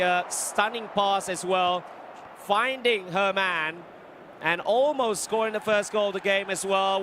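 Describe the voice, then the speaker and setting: A man's voice: high-pitched, sharp tone, slight background noise. A man giving live commentary and analysis on a football video game, emphatic and repeating phrases for effect. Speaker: esports match commentator.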